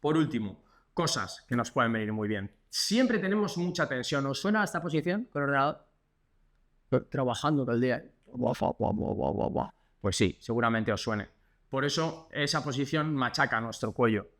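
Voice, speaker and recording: A Spanish physiotherapist with a Spanish accent counts repetitions aloud as he demonstrates exercises in a chatty, instructive manner. His medium-pitched voice is animated and a bit bright, moving at a moderate pace.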